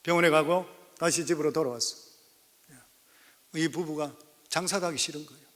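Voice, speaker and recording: Bright-voiced pastor preaching in a reverberant church. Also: male voice, fairly high pitch, a little fast. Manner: storytelling sermon, rising to emphatic exhortation. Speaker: senior pastor. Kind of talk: sermon. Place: church sanctuary.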